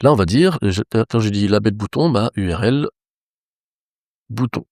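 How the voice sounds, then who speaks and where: Male trainer, low voice, dry close sound, talks viewers through each step. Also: lively intonation, measured pace, darkish tone, no room sound. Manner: explains step by step, addressing viewers directly. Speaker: web development trainer. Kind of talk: screen-recorded coding tutorial.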